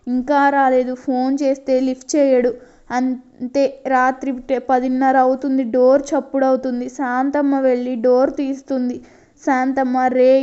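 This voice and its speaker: High-voiced woman storyteller. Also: mellow, smooth, muffled recording. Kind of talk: scripted story narration.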